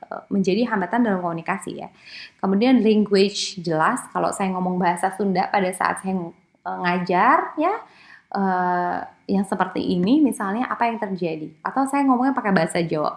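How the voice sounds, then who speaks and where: Woman, casual lecturer, loose and chatty, mixes in English words, acts out quotes in a higher voice. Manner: casual, with frequent fillers and English terms; acts out quoted speech in a raised voice. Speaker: psychology lecturer. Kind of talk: online lecture.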